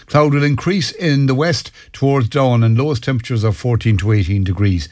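Mid-pitched Irish male radio presenter. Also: fairly quick, darkish tone. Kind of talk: weather bulletin and radio presenting.

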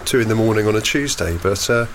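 A man's voice: lowish voice, animated, fast, noisy background. A man with a broad Scottish accent chatting casually as a guest in a radio interview. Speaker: guest, comedy writer. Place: radio studio.

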